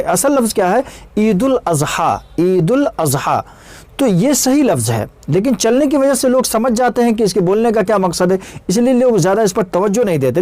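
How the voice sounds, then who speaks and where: A man with a fairly high voice teaches in a relaxed, unhurried way. He stops often to repeat single words slowly and carefully so the right pronunciation comes through. His tone is plain and instructive, like a teacher talking straight to the viewer. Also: no echo. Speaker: speech-making teacher, channel host. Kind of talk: casual instructional talk.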